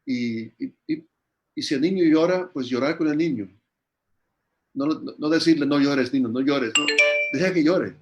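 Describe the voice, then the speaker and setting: A man's voice: fairly high pitch, animated, normal speed, long pauses, a little mellow, muffled recording, faint music behind. An older man, a guest pastor, answering questions in an earnest sermon style, often repeating words as he restarts. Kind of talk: sermon-style answers in an online church conference.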